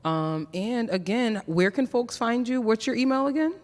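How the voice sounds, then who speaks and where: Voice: medium pitch, animated, normal speed. A host leading a conversation on a theater stage and offering supportive comments. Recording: reverberant theater hall.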